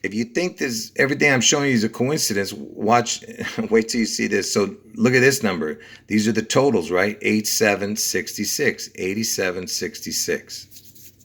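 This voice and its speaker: A man's voice: on the low side, normal speed, fairly bright tone, breathy edge. Rambling, insistent man walking through numbers. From Lebanon. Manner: rambling, insistent, repeats numbers, frequent "okay?" and "you see?". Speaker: video host. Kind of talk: conspiracy numerology video walkthrough.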